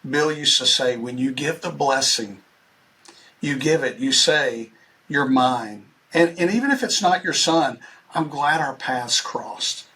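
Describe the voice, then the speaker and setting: Affirming host with a bright voice. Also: male voice, medium pitch, lively intonation, a little slow, poor audio. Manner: affirming, frequent "yeah" backchannels. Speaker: podcast host. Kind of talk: faith interview conversation.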